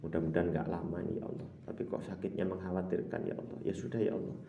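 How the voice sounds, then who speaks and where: A man voicing a doting, worried middle-aged mother who prays in a hushed, pleading murmur. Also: sits low, a little slow, dull audio. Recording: roomy hall, distant mic, faint ambience.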